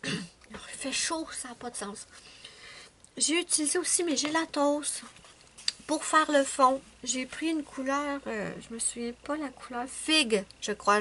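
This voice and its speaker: In a casual home vlog, a Québécoise adult-coloring YouTuber from Quebec, Canada, chats about her finished coloring pages in Québécois French. She rambles, hesitating and correcting herself often, in a high-ish voice with a bright, forceful tone over slight background noise.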